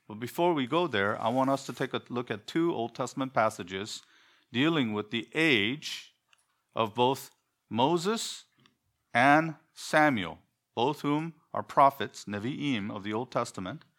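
A man whose first language is Korean, preaching an expository sermon in church with a measured, deliberate delivery and rhetorical questions. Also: mid-range voice, animated, fairly bright tone. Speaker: pastor. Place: church sanctuary.

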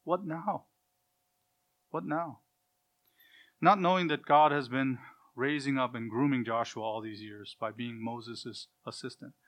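A man preaching an expository Bible lesson, stressing key words loudly and dropping to quiet asides, with Hebrew pronunciations of names. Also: medium pitch, moderate pace. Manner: emphatic, swings from loud stresses to quiet asides.

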